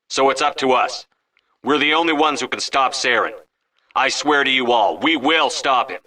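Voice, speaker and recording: An actor voicing a resolute, stern starship commander in a video game, with a firm, controlled, commanding delivery. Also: male voice, medium pitch, bright, forceful tone, low-quality recording. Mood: rousing, determined.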